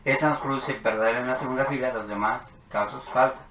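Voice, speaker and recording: Man, math teacher, methodical board lesson, bright voice, echoey room with faint hiss. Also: mid-range voice, steady tone, fairly quick. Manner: methodical, talks while writing tables. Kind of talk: whiteboard logic lesson.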